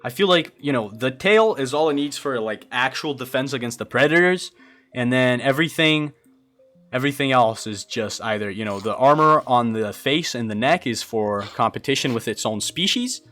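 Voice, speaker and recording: Building a game creature on his livestream, this young man from Brazil, a native Portuguese speaker, answers viewers in a loose, think-aloud way, frequently stumbling and starting over. He talks at a normal speed in a mid-range voice that sounds pushed and bright, with lively intonation over soft background music.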